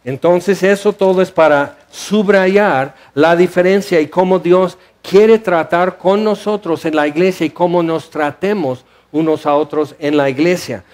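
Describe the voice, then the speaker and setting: A man's voice: high-pitched, unhurried, hardly any pauses, darkish tone. A man preaching a sermon in a church hall, asking rhetorical questions and explaining scripture with animation. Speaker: pastor.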